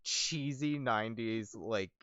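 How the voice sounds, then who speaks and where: A show host in casual conversation, animated and laughing, often swearing. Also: mid-range voice, slow pace, smooth, no room sound, highs cut off. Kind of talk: casual video-call chat.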